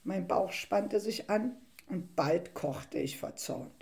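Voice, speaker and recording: A woman retelling a Bible story in the first person and then reflecting on it in a calm, thoughtful way. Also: mid-range voice, slow, creaky.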